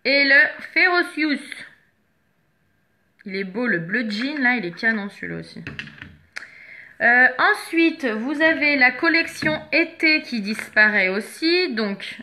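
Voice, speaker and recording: In a bright, forceful, somewhat high voice with lively intonation, a woman talks casually at normal speed while showing makeup products one by one. She's selling them, and now and then she pauses her chatter to look for a missing product.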